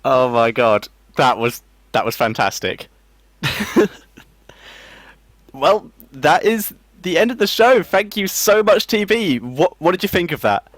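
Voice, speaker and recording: An upbeat male host, quick to laugh and keen to keep things moving. His voice sits somewhat high for a man. He is recorded dry and close, with no room sound around him. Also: very animated, a bit bright, no room sound. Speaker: show host. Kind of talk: casual chat.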